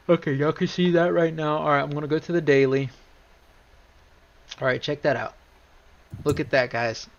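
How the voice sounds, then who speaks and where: Male streamer, mid-pitched, casual and rambling, restarts a lot, slightly muffled lo-fi mic. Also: vocal fry. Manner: rambling, restarts often, gets excited and repeats himself. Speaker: livestream trading host. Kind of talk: casual live chart walkthrough. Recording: slightly dull lo-fi stream audio.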